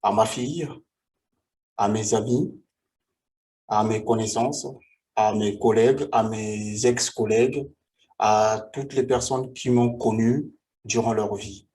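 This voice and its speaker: A man in his forties from the Republic of the Congo, speaking. He tells his own life story in a vlog, halting often and repeating himself. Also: on the low side, fairly even intonation, darkish tone. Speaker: vlogger.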